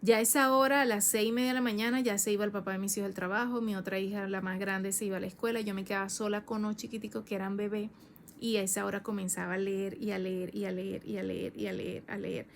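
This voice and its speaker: A woman in her thirties preaching her own testimony with fervor, circling back on phrases again and again. Her voice sits at an ordinary middle pitch but climbs sharply when the feeling takes over. A faint hiss of noise sits under the recording. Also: flat delivery, quick pace, creaky. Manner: fervent, repeats phrases, voice rises high when emotional. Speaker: evangelist. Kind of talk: personal testimony sermon.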